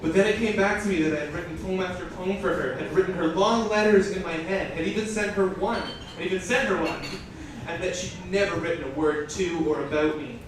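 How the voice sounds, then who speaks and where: A man with a high-pitched voice reads fairly quickly in a comic, theatrical live performance at an indoor event. He keeps interrupting himself with incredulous, sweary, mocking asides. Crowd noise fills the echoey, noisy room, and he's far from the mic.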